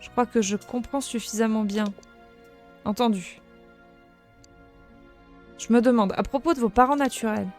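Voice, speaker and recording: A woman's voice: a little high, normal speed, pauses often, faint music behind, natural voice. A woman reading the questions of a curious male mouse hero in a video game, in an inquisitive tone.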